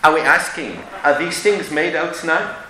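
A man's voice: on the high side, normal speed, bright, forceful tone. A man giving an emphatic religious lecture with stories and rhetorical questions, sprinkling in Hebrew and Yiddish terms. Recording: echoey room with background noise.

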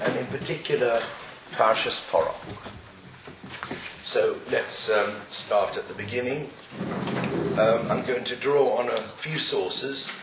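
A man with a croaky voice giving an explanatory Torah lecture, deliberate and sprinkled with Hebrew quotations. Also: mid-range voice. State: croaky, getting over an illness. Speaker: religious lecturer. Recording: roomy, distant, noisy recording with clicks.

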